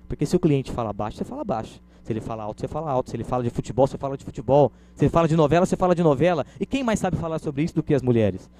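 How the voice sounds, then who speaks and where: Professor brasileiro de voz aguda. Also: male voice, fairly high pitch, warm tone, no echo. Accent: Brazilian. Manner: conversational, uses everyday stories. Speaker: lecturer. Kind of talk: lecture. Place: lecture room.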